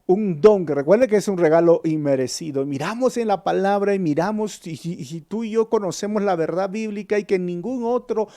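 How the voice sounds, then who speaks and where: A man's voice: high voice, brisk, hardly any pauses, mellow. A man, a pastor teaching a Bible study in an earnest storytelling manner, calling his listeners brothers.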